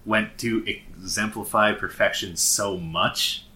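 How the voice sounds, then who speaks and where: Low, bright-toned man with dry remarks. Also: fairly even intonation, takes it slowly, echoey room. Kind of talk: casual tabletop game chat.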